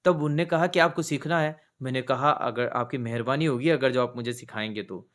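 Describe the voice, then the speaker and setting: A man's voice: medium pitch, a little fast, fairly bright tone. A soldier sharing a personal faith testimony in an earnest storytelling manner, shifting his tone as he recounts conversations. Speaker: soldier giving a church testimony.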